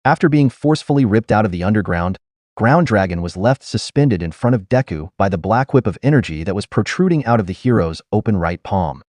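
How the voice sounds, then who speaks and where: A man narrating a fan-written story in a scripted, expressive reading. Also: lowish voice, brisk, no room sound, studio quality.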